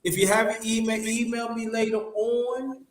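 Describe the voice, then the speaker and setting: A man chatting on a live stream, halting and full of fillers. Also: very high-pitched, flat delivery. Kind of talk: casual live-stream chat. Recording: echoey room, faint noise.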